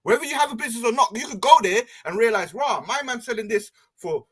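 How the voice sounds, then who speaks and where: A man's voice: very high voice, quick pace, breathy edge. A young man talking casually and promoting an event, heard over a group voice chat on the internet. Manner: animated, promotional, street slang. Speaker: panel member.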